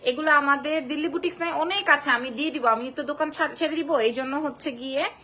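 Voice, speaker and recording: A woman selling clothes on a live stream from a small shop, repeating prices and sizes in a quick sales patter. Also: sits high, pushed and bright, slight background noise. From Bangladesh. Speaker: online clothing shop seller.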